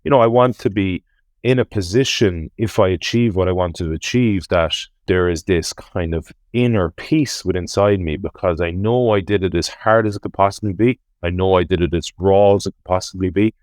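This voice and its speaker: A man with a deep voice and a west of Ireland accent speaks in a dry, echo-free space. He talks conversationally as an interview guest, reflective and earnest. He leans on key words and poses rhetorical questions to himself. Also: brisk, a little mellow. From Galway, west of Ireland. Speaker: interview guest, ocean rowing adventurer.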